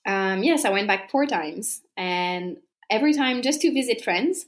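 A woman's voice: medium pitch, animated, unhurried. A woman in her thirties with a French accent, chatting as an interview guest, with plenty of fillers and frequent laughter. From France. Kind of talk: casual conversational interview.

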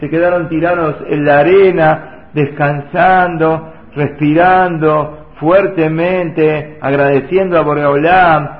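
A man's voice: on the high side, steady tone, takes it slowly, hardly any pauses. A man with a Rioplatense Spanish accent, a rabbi telling a sermon story in an emotional, sing-song, repetitive way. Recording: echoey, tinny phone-like audio.

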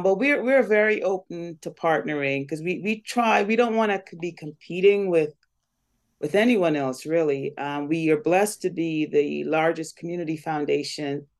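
A woman's voice: fairly low pitch, a little mellow. Woman from Guyana, foundation CEO. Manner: earnest, speaks of blessing and collaboration. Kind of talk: interview guest.

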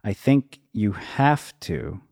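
Low-voiced man thinking aloud, dry close sound. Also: big pitch swings, creaky, a little mellow, no echo. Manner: halting, circling and rephrasing as he thinks aloud. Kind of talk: reflective casual conversation.

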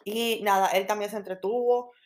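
Brief: woman, relaxed co-host, mid voice, pauses with fillers. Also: mid-range voice. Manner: measured, hesitant with fillers, clears throat. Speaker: podcast co-host, mother of three. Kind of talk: casual chat.

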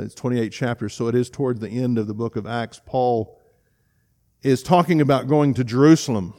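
A man's voice: mid-range voice, darkish tone. Earnest, emotional male pastor preaching. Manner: earnest, emotional, halting with restarts. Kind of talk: sermon. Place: church sanctuary.

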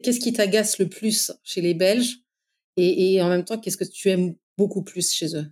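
A woman's voice: on the low side, steady tone, a little slow, a little mellow. A woman interviewer asking friendly, informal questions in a casual chat.

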